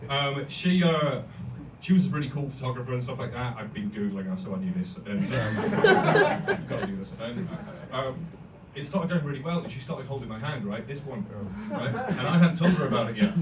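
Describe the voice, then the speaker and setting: A man's voice: mid-range voice, big pitch swings, fairly quick, distant mic. A young man performing a stand-up comedy set, talking conversationally with crude language and acting out quoted voices. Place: comedy club, live audience. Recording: roomy live club sound from off-mic. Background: loud audience laughter and noise.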